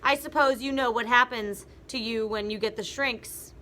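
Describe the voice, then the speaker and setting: Woman reads a cruel old prankster husband, gloating, bright and pushed. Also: fairly high pitch, steady tone, normal speed, a little hiss or hum, pitched above the performer's own voice. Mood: taunting. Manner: taunting, gloating. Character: nasty old man, gleeful cruel prankster.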